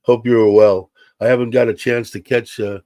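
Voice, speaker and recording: A man with a mid-range, dark voice speaks at a moderate pace with little pitch movement. He's hosting a casual livestream over his computer mic, rambling chattily with many fillers and sounding slightly congested, and there's no echo.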